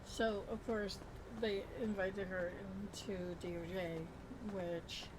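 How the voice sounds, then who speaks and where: A woman's voice: mid-range voice, fairly even intonation, slow, background noise. A woman telling a roleplay character's story in a casual, rambling, informal way while gaming. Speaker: game streamer narrating roleplay character's story.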